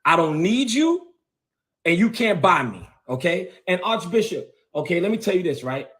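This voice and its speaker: A bishop livestreaming a confrontational rant in a high, lively voice that swings up and down. He hammers his points over and over and talks straight at the people he is calling out. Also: moderate pace. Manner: confrontational, repetitive, heated. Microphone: phone or webcam on a livestream.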